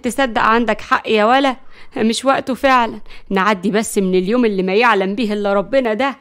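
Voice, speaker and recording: A woman's voice: on the high side, fast, close to an everyday voice. A woman doing a fiery Egyptian granny. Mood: scolding. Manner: scolding, loud and exasperated. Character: fiery bossy Egyptian grandmother.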